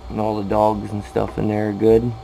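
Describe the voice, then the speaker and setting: This Californian machinist has a lowish, gravelly, dark-toned voice with a completely flat delivery at a moderate pace. He demonstrates a repair in an indoor machine shop, talking through it casually and plainly in a matter-of-fact American manner. Expect noise, since it's an amateur workshop recording.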